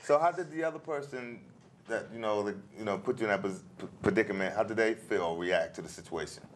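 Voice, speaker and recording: A man's voice: on the low side, brisk, a little hiss or hum. An American man hosting a local talk show, interviewing guests casually with lots of fillers. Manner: relaxed, many fillers and backchannels.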